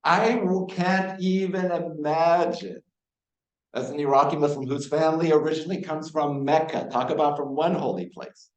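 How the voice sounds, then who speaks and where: A man from Iraq giving a university lecture, posing rhetorical questions to his audience. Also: a little high. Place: lecture hall. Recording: echoey lecture hall.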